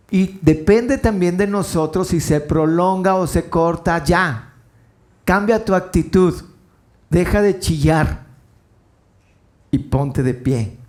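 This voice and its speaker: Animated high-voiced pastor preaching. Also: male voice. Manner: animated storytelling, acting out quoted voices with big pitch swings. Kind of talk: sermon.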